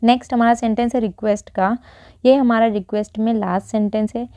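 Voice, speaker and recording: A woman with an Indian accent teaching an English lesson, saying each phrase very slowly and repeating it before explaining. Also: fairly high pitch, fairly even intonation, mellow, dry recording. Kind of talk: spoken English lesson in Hindi.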